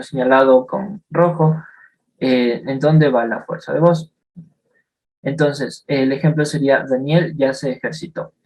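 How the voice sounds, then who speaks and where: A man's voice: medium pitch, darkish tone, low-quality recording. A young male student giving a class presentation, hesitant with many fillers as he reads out examples.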